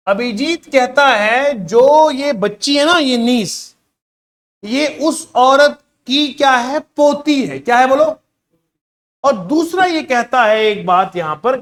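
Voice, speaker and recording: A middle-aged man teaches a reasoning class. His voice sits very high, and he keeps prodding the students to answer him. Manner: coaxing, repeatedly prompting students to answer. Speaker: reasoning teacher for government job exams. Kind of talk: classroom lecture explaining puzzles.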